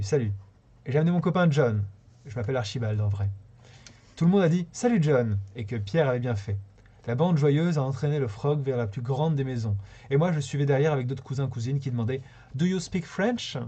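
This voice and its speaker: A man reading a short story aloud on a live stream, unhurried, now and then stumbling and rereading a phrase. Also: medium pitch, dark tone. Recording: slightly dull lo-fi sound.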